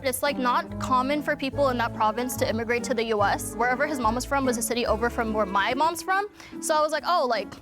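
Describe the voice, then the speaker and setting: A woman from the Philippines chatting casually as a game contestant, relaxed and full of fillers. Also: high voice, fast. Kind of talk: casual chat. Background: music.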